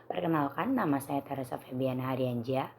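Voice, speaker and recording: A young woman presents in a formal, careful student style. Her voice is low and hoarse, with plenty of creak. Faint noise sits behind her. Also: a little fast, darkish tone. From Indonesia. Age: young adult.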